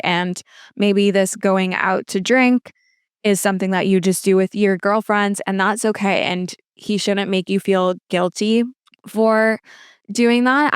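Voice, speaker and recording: A woman with an exceptionally smooth, clear voice gives casual advice on her podcast. She talks in a chatty, relaxed way, peppered with "like." The sound is dry and close. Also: mid-range voice, dry recording. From lives in Toronto. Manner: chatty, filler-heavy with frequent "like". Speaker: podcast host answering listener questions.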